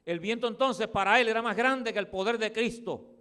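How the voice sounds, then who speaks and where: High-voiced, dramatic male preacher. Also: a little fast, clean tone. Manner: swings between loud emphatic cries and quiet, low musing; acts out quoted Bible dialogue with dramatic voices. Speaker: pastor. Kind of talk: radio sermon. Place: radio studio or church pulpit.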